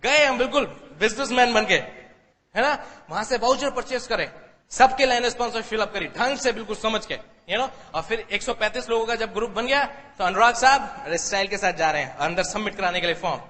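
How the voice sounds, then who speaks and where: A man telling his story to an audience as a motivational speaker, animated and acting out the dialogue. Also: sits high, fairly quick. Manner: animated, acts out dialogue, mixes in English. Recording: long hall reverb.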